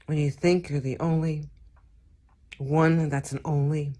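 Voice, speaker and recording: A woman reciting a comic verse monologue theatrically, with a dramatic delivery that moves between hushed and loud. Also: sits low, little pitch movement, a little slow. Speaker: performer.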